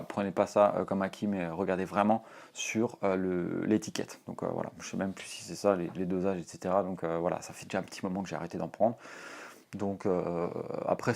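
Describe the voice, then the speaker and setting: A young man talks straight to camera about fitness in a loose, rambling way. His voice sits fairly low, and he leans hard on fillers and restarts as he goes. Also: creaky, darkish tone. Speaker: fitness vlogger. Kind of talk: casual advice to camera.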